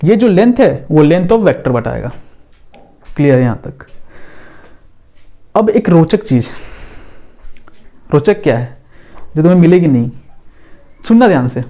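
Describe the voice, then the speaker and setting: A man's voice: fairly high pitch, big pitch swings, measured pace, pauses often, warm tone. A man teaching a physics lesson in a casual, patient way, drawing on a board as he talks and often checking that the class follows.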